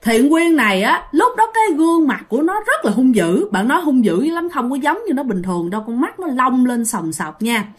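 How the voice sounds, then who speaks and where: Speaking fairly quickly with few pauses, a woman with a Southern Vietnamese accent tells a ghost story in a high, very animated voice. She keeps it chatty and talks straight to her listeners.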